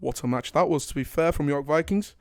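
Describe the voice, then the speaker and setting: A young man casting a live esports match, jokey and excitable, rising to shouts on big plays and dropping to quiet asides. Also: fairly high pitch, brisk. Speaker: esports caster.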